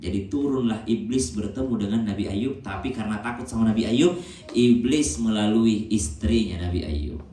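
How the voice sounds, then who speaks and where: A male preacher giving a sermon, telling stories in a lively way and acting out the voices of the people he quotes. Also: on the low side, normal speed. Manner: animated storytelling, acts out quoted voices. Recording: echoey room with faint ambience.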